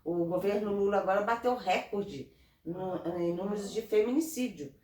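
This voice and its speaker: A woman from Brazil, a guest in an interview, giving earnest, animated advice in casual talk. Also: medium pitch, normal speed. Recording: roomy, from a distance off mic.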